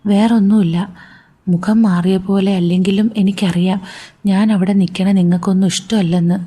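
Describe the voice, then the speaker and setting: A woman's voice: medium pitch, flat delivery, normal speed, dark tone, slightly rough, lightly acted. A woman voicing a pleading young college lad. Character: young male college student, affectionate son.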